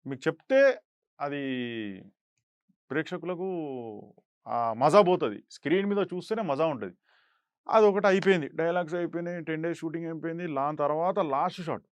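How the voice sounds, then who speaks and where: A man's voice: fairly high pitch, expressive, a little fast, long pauses, no echo. A young man, an actor guest telling stories in an interview and acting out quoted lines in a raised voice. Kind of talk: animated storytelling interview.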